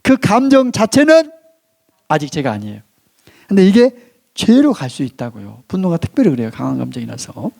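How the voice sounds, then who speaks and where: Lively, mellow-voiced male pastor preaching. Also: sits high, vocal fry. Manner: leads the congregation in call-and-response reading; slows down and stresses key phrases, then drops his voice. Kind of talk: sermon. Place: church.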